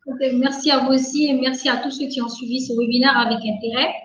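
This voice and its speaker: Female webinar moderator, high monotone delivery, roomy lo-fi sound. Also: fast talker. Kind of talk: webinar sign-off. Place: online webinar call. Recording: echoey, dull lo-fi call audio.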